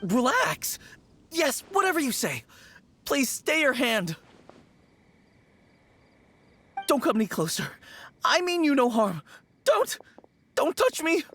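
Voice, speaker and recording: A man's voice: extremely high pitch, big pitch swings, slow pace, sharp tone, a little hiss or hum, exaggerated voice. A man voicing a timid young male apprentice undertaker who stammers and speaks in a nervous, overly formal way, in game voice acting. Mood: panicked.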